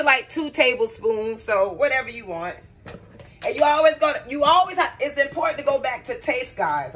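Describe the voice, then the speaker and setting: A chatty woman with a fairly high voice talks viewers through a home cooking demonstration. She keeps addressing them directly as guys and y'all. A faint hiss sits under the recording. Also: fairly bright tone. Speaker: cooking vlogger. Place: home kitchen.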